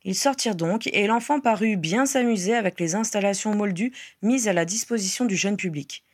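Woman reading a storybook, steady and expressive, dry close mic. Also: medium pitch, fairly quick, no room sound. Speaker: audiobook reader. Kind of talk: scripted narration.

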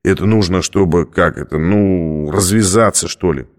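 A man's voice: low voice, moderate pace, natural voice. A man reading an audiobook, voicing a desperate, irritable man who pleads and snaps. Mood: explaining. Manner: snapping, pleading, muttering.

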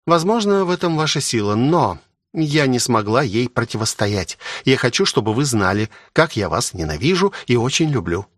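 A man voicing an ancient, spiteful woman guardian forced to serve as a maid, haughty and sharp-tongued, in an audiobook reading. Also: medium pitch, big pitch swings, moderate pace, no room sound, studio quality. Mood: indignant.

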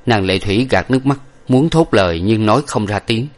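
A man reading an old novel aloud in a steady storybook narration. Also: lowish voice, a little fast.

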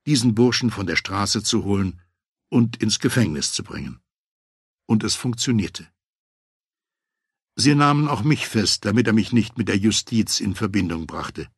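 A man with a low, slightly husky voice reads a first-person memoir as an audiobook. He tells it in a measured, matter-of-fact way. The recording is dry and close, with no room sound. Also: dry recording. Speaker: audiobook narrator.

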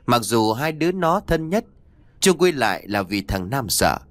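A man narrating a spoken story, his voice rising and falling in a lively, dramatic sweep. The recording is dry and close, with no room sound. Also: mid-range voice, normal speed, no echo. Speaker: audiobook narrator.

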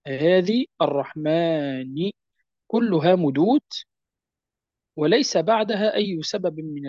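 Guy teaching recitation rules, repeats stuff, slows right down for the verses, dull lo-fi sound. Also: fairly high pitch, a little mellow, no room sound. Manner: patient, repeats key points and asks "clear?". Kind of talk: explanatory lesson on tajweed.

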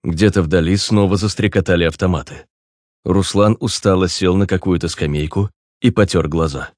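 A male audiobook narrator with a deep, low voice, reading at an even, measured pace. The recording is close and dry, with no room sound. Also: no echo.

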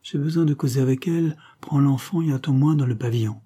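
A man's voice: mid-range voice, quick pace, dark tone, slightly rough, voice pushed up, lightly acted. A man doing a cynical scheming viscount. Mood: cold. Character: cynical scheming male viscount, former tenor.

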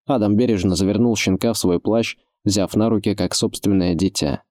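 A man giving measured, scripted audiobook narration. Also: lowish voice, steady tone, darkish tone, no echo, studio quality.

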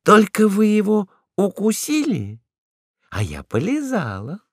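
A sly, cheeky stray lady dog, put on by a male reader, talks in a raised, singsong voice that climbs and falls a lot. She sounds coy and innocent. The voice is dry and close, with a gravelly edge. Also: high voice, huge pitch swings, unhurried, no echo, voice pushed up, full character voice.

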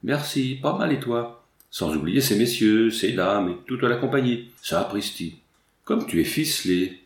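A man voicing a loud, jovial young country soldier who talks bluntly and boisterously. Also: lively intonation, a little slow, reverberant. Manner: boisterous, booming country talk.

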